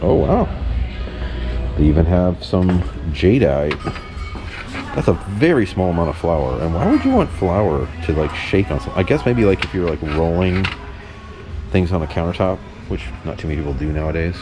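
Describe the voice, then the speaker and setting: A man's voice: deep voice, sing-song, normal speed. A man filming a casual shopping vlog in an antique mall, chatty and enthusiastic about collectibles. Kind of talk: casual chat. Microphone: handheld camera, filming. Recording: background music over it. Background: loud background music.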